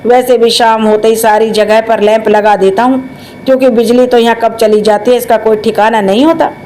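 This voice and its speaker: A nervous, earnest young man explains himself politely in a spoken story, as a woman narrator reads his lines. The voice stays fairly high and lightly anxious throughout. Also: steady tone, normal speed, mellow, a little hiss or hum, close to an everyday voice, poor audio.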